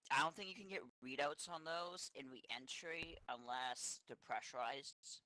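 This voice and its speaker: A man's voice: a little high, a little slow, bright, forceful tone, dry recording. A man chatting casually and technically as flight director in a simulation, tentative and rambling.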